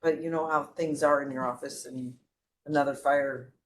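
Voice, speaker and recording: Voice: medium pitch, fairly even intonation, normal speed, a little hiss or hum, low-quality recording. Rambling voice in a meeting. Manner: conversational, rambling with trailing asides. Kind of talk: meeting discussion.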